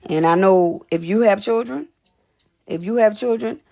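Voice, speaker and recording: A young woman chatting straight to her livestream viewers, blunt and salty, circling back on the same words. Her voice has a gravelly fry underneath, and she is a little short of breath. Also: mid-range voice, normal speed, dark tone. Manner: blunt, repetitive, profane. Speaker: livestream host. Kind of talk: casual livestream talk to viewers.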